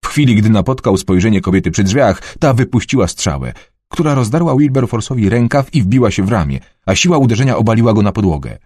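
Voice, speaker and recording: A man narrating an adventure novel in a dramatic, expressive storytelling manner. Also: lowish voice, fast, no room sound, clean studio sound. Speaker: audiobook narrator.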